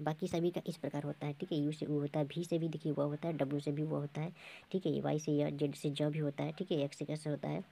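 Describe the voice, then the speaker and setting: Male teacher, mellow tone, patient and repetitive classroom explainer. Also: a little high, creaky. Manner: patient, repetitive, often confirms with "ठीक है". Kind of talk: explaining English pronunciation to students.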